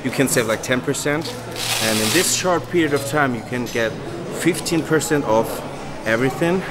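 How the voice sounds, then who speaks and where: A bodybuilder vlog host with a mid-range voice and normal pace chats casually in a large indoor gym, joking, cursing and coaching his training partner like a cheerful, bantering coach. The echoey room carries the noise of a loud crowd.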